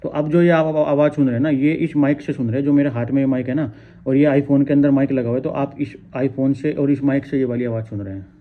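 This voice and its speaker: A man's voice: medium pitch, fairly even intonation, fast, narrow, tinny audio. A man casually reviewing wireless mics on a clip-on mic, chatty and explaining each step as he handles the gear. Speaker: tech reviewer vlogger. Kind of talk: casual product demo.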